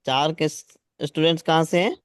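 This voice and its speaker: A man's voice: on the high side, a little fast, clear, resonant tone, dry recording, studio quality. A man teaching Arabic grammar. He repeats key words for his students. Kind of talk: classroom lesson, explaining grammar.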